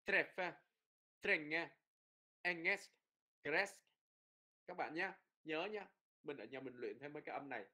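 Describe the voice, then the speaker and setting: A Norwegian language teacher, a man, explains pronunciation rules and repeats drill words, often adding tag words. His voice is mid-range with a fairly bright tone.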